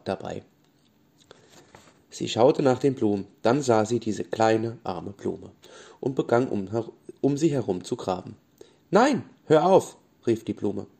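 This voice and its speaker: Gravelly man reading bedtime stories. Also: lowish voice. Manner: gentle, with small restarts. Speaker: storyteller. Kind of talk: children's bedtime story reading.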